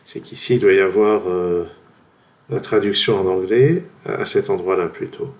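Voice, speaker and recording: A French man thinking aloud, slowly trying one word after another while playing a word-guessing game at his computer. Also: sits low, a little mellow. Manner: slow, musing, trails off while guessing.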